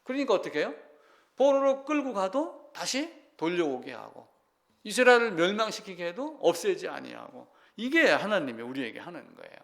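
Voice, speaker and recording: A man's voice: sits high, very animated, moderate pace, creaky, a bit bright. A man preaching a sermon as pastor, reading scripture aloud and asking the congregation questions.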